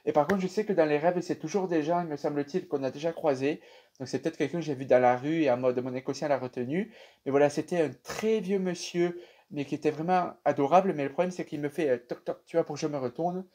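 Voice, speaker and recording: A young man with a French accent casually telling viewers about a dream, animated and chatty with many fillers. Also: on the high side, fast talker. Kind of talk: casual storytelling to camera.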